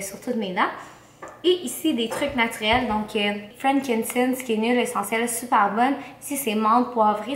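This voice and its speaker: A young woman with a Québécois French accent talks in a fairly high voice, with a mouth swollen after having wisdom teeth out. She chats casually like a vlogger, dropping English slang into her sentences. The room adds noticeable echo. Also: fairly bright tone. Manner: slangy, peppered with English words. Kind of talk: casual vlog chat. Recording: roomy echo, faint background noise.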